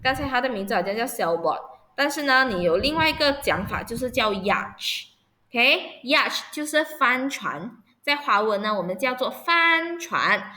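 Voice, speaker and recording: Brief: female teacher, slightly high and bright voice, spells words slowly, patient check-ins with kids. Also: expressive. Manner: checks on pupils often, patient and coaxing. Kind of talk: online vocabulary lesson for children.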